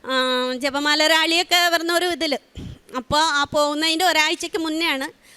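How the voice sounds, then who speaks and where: A middle-aged woman giving an emotional spoken testimony, halting often with fillers and restarts. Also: high voice, fairly even intonation, sharp tone. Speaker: testimony giver.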